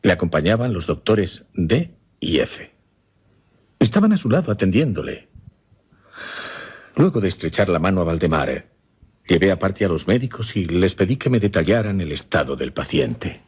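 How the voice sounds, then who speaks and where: A radio drama actor plays a grave gentleman hypnotist recounting his macabre experiment, narrating dialogue in a formal, deliberate way with dramatic pauses and a grave mood. His low, darkish, slightly rough male voice is very animated and heavily acted, on slightly muffled lo-fi audio.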